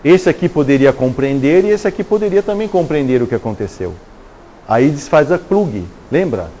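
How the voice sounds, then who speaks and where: A man's voice: fairly high pitch, lively intonation, normal speed, warm tone, a little hiss or hum. A middle-aged man with a Brazilian Portuguese accent giving a live spiritist lecture, acting out little dialogues and tagging questions to the audience. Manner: conversational, acts out dialogues, frequent "né?" tag questions. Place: lecture hall at a live event.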